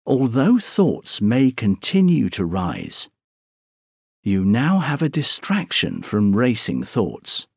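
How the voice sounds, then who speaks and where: A man slowly guiding a sleep meditation, counting breaths in a soothing, drawn-out way with long pauses. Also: fairly low pitch, creaky, darkish tone, slightly rough, no echo, studio quality. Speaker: meditation guide.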